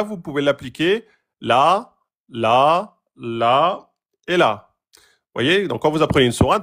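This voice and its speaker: A man teaching Quran recitation rules, patiently asking questions and repeating example words slowly. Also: on the high side. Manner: asks students rhetorical questions. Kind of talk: tajwid lesson, explaining a page.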